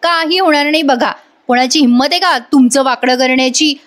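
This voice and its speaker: A woman's voice: high-pitched, normal speed, fairly bright tone. A woman voicing a sly, scheming woman who taunts and mocks others. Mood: taunting. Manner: taunting, mocking.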